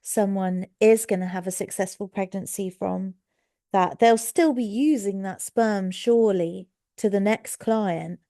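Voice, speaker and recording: A woman's voice: medium pitch, steady tone, a little slow, dark tone. A woman co-hosting a podcast in casual chat, upbeat and reasoning things through. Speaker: podcast co-host.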